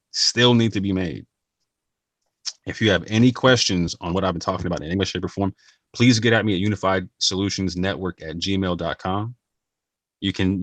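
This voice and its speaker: A man's voice: low-pitched, fairly bright tone, dry recording. A man talking casually and earnestly to his viewers, using slang and often repeating and restarting his phrases. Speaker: channel host. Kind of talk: casual talk to camera.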